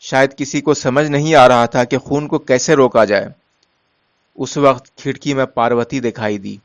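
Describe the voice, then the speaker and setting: A man narrating a story in a measured, steady way, softening his voice for quoted lines. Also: mid-range voice, no echo.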